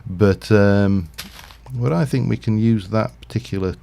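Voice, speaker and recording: A man's voice: lowish voice, takes it slowly, gravelly, warm tone. A man casually commentating his Minecraft livestream, rambling and thinking aloud with lots of fillers. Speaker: streamer.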